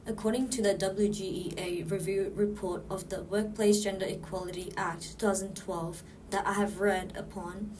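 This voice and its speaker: A woman's voice: mid-range voice, a little mellow, a little hiss or hum, poor audio. A woman from Nepal, a student presenter reading her prepared answers in a podcast, earnest and note-bound.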